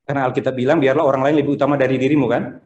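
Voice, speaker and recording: A man preaching a Sunday sermon in a conversational, animated way, acting out the people he quotes. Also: medium pitch, rapid-fire, echoey room, dull audio. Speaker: pastor. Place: church service streamed over video call.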